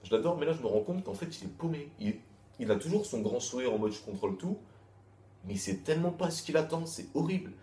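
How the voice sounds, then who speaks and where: In an echoey room with faint noise behind him, a man reviews a manga chapter in a casual, rambling way, repeating himself, restarting often and using crude slang. His voice sits on the high side, dark in tone, fast and expressive.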